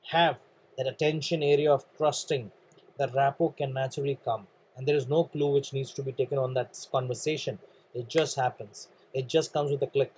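A man from India with an Indian English accent gives an earnest motivational training talk on networking, often calling listeners "guys" while coughing and clearing his throat. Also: mid-range voice, darkish tone, low-quality recording.

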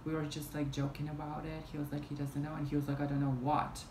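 Speaking fast in a low, flat, gravelly voice, a young woman vlogger rambles through a casual storytime with many fillers and restarts. She records indoors in a small room at home on a camera at arm's length, and the roomy audio has a fan humming in the background.

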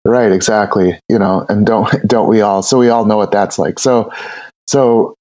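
A man's voice: on the low side, fairly even intonation, normal speed, darkish tone, no echo, muffled recording. A man talking casually as a brewer guest on an interview podcast, rambling with many repeated words and fillers.

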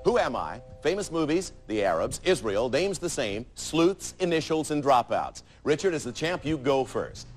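Lively, playful male game show host. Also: mid-range voice, soft background music. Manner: brisk, playful, joking. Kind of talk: game show hosting and banter. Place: TV studio.

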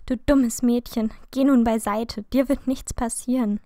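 A woman voicing a cruel male dark wizard in a fan fiction reading, snarling and mocking in a raised voice. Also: fairly high pitch, flat delivery, a little slow, no echo, studio quality, natural voice. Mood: cold, menacing.

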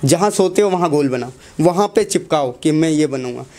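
A man's voice: fairly high pitch, lively intonation, moderate pace, a little mellow. A young man, a teacher giving a motivational talk to students in a classroom, asking the class short questions and repeating key lines.

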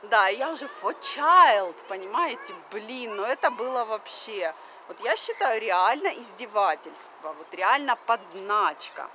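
A Russian vlogger in her thirties chats casually into her phone camera, held at arm's length, while standing on a wooden deck by a river. Her medium-pitched voice is animated, unhurried, and sharp, full of fillers and sprinkled with English phrases. The outdoor phone recording carries faint background noise.

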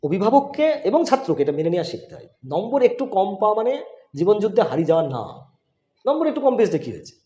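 A man's voice: sits high, sing-song, very fast, warm tone, highs cut off. A middle-aged man, a school headmaster, answering interview questions in an emphatic, insistent way. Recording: roomy, echoey room.

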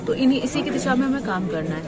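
A woman's voice: high voice, lively intonation, fast, loud music behind the voice. Woman official speaking into press mics. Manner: fluent, official statement with Hindi-English mix. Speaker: district official. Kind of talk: press interview. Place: outdoor event stage. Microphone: cluster of press mics. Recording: outdoor press scrum with loud crowd.

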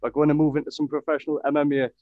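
A young podcast host chats upbeat over a video call from a home room hung with fight posters, often saying "brilliant." Through his headset, his fairly high, level voice races along, sounding dry and phone-quality.

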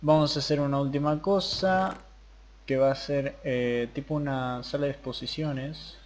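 A man's voice: mid-range voice, steady tone, moderate pace, a little hiss or hum. A young man hosting a gaming channel, chatting casually through his gameplay and muttering to himself as he plays. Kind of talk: gameplay commentary.

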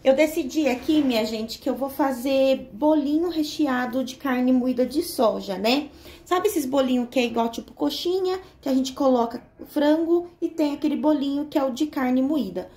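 A home cooking vlogger, a young Brazilian woman with a Brazilian Portuguese accent, explains a recipe step by step in a relaxed, chatty tutorial from her kitchen, often asking viewers "tá?". Her voice is high-set but dark in tone, at a normal speed.

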